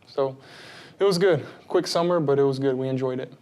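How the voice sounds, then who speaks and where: A man in his thirties, raised in Texas, answering interview questions about his career and family in a relaxed, rambling way with many fillers. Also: medium pitch, brisk. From United States (Texas). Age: 30s. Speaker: basketball player, interview guest.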